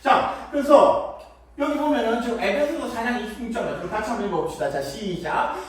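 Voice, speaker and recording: A man's voice: extremely high pitch, brisk, a little hiss or hum. A man giving a children's sermon at a church, playful and acting out little scenes, picked up from a distance in a church hall. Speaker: children's preacher. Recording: echoey room, mic far off.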